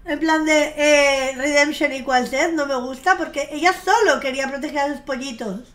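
With a fairly high, somewhat bright voice at normal speed, a young streamer talks through her gameplay, chatty and casually profane. She often breaks into squealing, gushing bursts of delight, with faint game music playing underneath.

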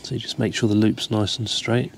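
Sitting by the water over his tackle box, a relaxed carp angler with a low, creaky male voice talks briskly through tying a rig, explaining each step as he goes. It's a casual step-by-step tutorial recorded outdoors, with slight background noise.

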